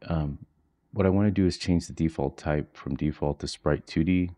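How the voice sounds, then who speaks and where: Working from home with children asleep nearby, a coding instructor teaches a screen-recorded software tutorial. He talks in a quiet, low-key monotone at a moderate pace, casually walking through each step with plenty of fillers.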